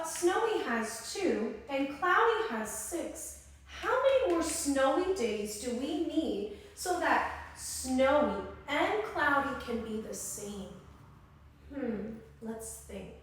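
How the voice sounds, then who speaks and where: Her voice is high-pitched as she runs an interactive circle-time lesson for early-grade kids, encouraging them and asking questions with pauses for replies. The sound is very echoey, captured indoors by a microphone placed far away.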